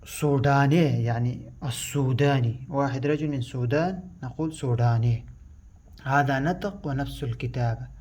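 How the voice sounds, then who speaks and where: Male language teacher, native Pashto speaker, husky voice at a middle pitch. Slow, halting, repetitive delivery. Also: a little mellow. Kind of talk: language lesson.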